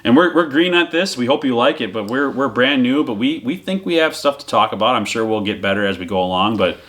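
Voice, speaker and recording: A man's voice: mid-range voice, animated, quick pace, a bit bright, a little hiss or hum. A man in his thirties, a teacher co-hosting a casual golf podcast at a friend's house, rambling with restarts. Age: 30s. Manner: rambling, restarts and laughs often. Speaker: podcast co-host. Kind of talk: casual chat.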